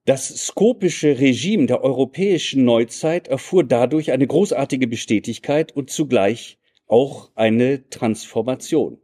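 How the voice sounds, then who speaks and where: Guy lecturing slow and formal, kinda husky, mellow low tone. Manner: measured, formal and elaborate phrasing. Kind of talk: academic lecture.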